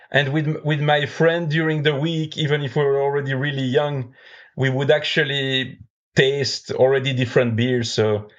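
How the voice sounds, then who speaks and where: Guesting on a podcast, this brewer and beer judge from Belgium, a man in his forties, talks casually in a French accent with lots of fillers and restarts. The voice sits a little high, and the recording lacks its high frequencies.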